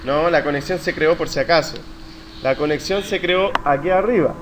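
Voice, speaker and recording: A university lecturer with a fairly high-pitched voice teaches a live coding class at a moderate pace, asking students questions and praising their answers. The classroom recording is noisy.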